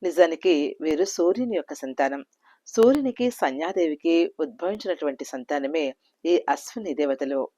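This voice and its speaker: Woman host, very low voice, measured intro, dry close mic. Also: animated, warm tone, no room sound. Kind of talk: channel introduction.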